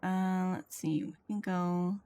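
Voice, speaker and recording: With a low, steady voice and a slow delivery, this woman game streamer chats casually, reads aloud, and sometimes mutters to herself during play. Video game music sits behind her voice.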